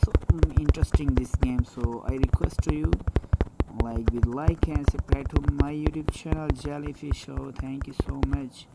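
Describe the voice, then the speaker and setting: Gravelly man with loud noise behind. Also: mid-range voice, fairly even intonation. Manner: non-native English, halting, repeats fillers like "okay" and "like". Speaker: gameplay channel host. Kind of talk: casual gameplay commentary.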